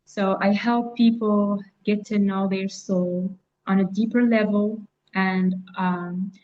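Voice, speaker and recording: A woman from Algeria, an astrologer and spiritual guide, answering interview questions in a halting way. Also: medium pitch, a little mellow, dull audio. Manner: slow, halting, many fillers and restarts. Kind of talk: interview guest.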